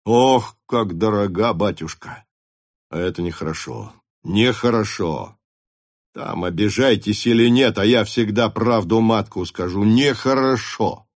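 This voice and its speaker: A man voicing a gruff older male cavalry staff captain who earnestly scolds a young officer. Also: fairly low pitch, a little slow, no room sound, clean studio sound.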